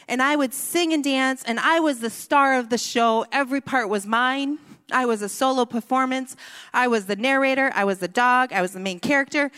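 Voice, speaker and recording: Her voice sits high, with a fairly bright, clear, resonant tone, as a woman with a son tells a playful childhood story to a women's gathering. The sermon then turns to scripture and prayer, in an echoey hall.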